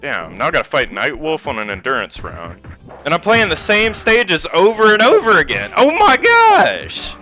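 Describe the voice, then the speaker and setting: A man commentating his own gameplay, sarcastic and easily frustrated, cursing at the game. His pitch leaps around with a bright, forceful tone. Game music plays faintly underneath. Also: expressive, moderate pace. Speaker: gaming YouTuber.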